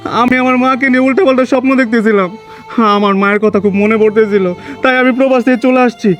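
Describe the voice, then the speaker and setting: Young man playing a desperate son, pleading, wailing, very high-pitched, soft music underneath. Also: fairly even intonation, fairly quick. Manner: pleading, wailing, repeating himself. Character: distraught young son, frantically searching for his dead mother. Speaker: actor in a short drama. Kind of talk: melodramatic drama acting.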